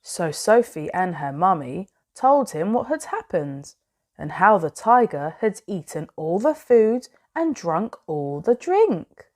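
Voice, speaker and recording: A woman reading a children's bedtime story aloud in a measured, expressive way with dramatic pauses. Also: lowish voice.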